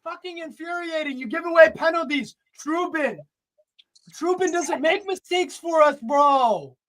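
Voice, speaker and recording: A man's voice: very high-pitched, unhurried, fairly bright tone. A man on a football podcast panel, angry and swearing as he rants about his team, still shaken up. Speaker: panel guest. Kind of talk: heated fan rant.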